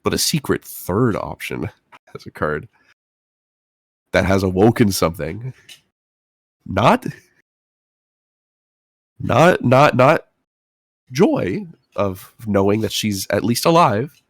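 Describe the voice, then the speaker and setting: A man talking casually as a player in a tabletop role-playing game, explaining things thoughtfully and haltingly. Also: fairly low pitch, lively intonation, creaky, dry recording.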